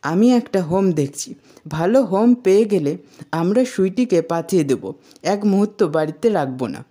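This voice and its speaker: A stern, determined housewife who speaks firmly and with threats, as a woman reads her lines in a retold TV serial. The voice sits low and mellow. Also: expressive, normal speed.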